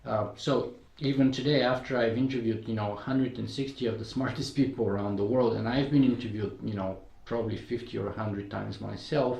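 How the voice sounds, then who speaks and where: A Bulgarian man with a Bulgarian accent, a podcast creator appearing as a guest, talks earnestly in a casual interview, often checking in with "right?" and "you know." His voice is on the low side, gravelly and darkish, and he speaks fast with few pauses in an echoey room.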